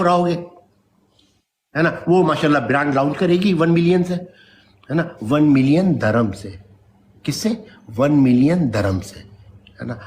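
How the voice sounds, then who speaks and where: A man's voice: fairly high pitch, slight background noise. A middle-aged man talking casually as a father, giving a lecture and tagging phrases with "isn't it?". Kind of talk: casual talk to camera.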